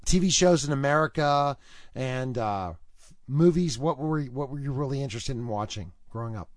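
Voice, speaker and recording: A man's voice: medium pitch, lively intonation, normal speed, no echo, clean studio sound. Rambling male talk-show host. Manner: rambling, with frequent restarts and fillers. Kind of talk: casual interview chat.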